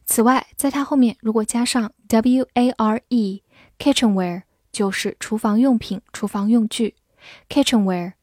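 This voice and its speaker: A woman teaching English vocabulary in a lesson, spelling words out letter by letter and speaking slowly and deliberately. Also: fairly high pitch, darkish tone, no echo, clean studio sound.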